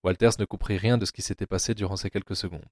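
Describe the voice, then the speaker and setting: A man reads a novel aloud as an audio drama in a very low, steady voice. The recording is close and dry, with no room sound. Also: fast, dry recording. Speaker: narrator.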